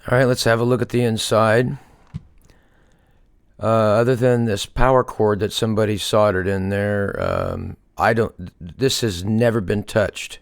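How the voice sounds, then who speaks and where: A hobbyist restorer gives a casual, unscripted show-and-tell of his project, thinking aloud hesitantly as he goes. His lowish voice is clear and resonant, with lively intonation and a measured pace, captured dry at studio quality.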